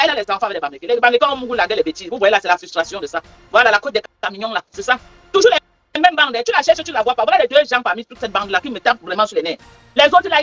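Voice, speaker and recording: A woman's voice: medium pitch, fairly bright tone, muffled recording. A woman from Cameroon, delivering an angry livestream rant full of mocking, repetitive taunts. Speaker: social media livestreamer.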